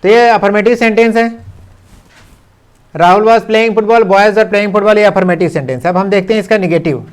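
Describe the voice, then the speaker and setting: A man teaching English grammar in a video lesson, explaining patiently and slowly repeating English example sentences. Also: sits high, smooth. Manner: mixes English sentences into his speech. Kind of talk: classroom-style video lesson.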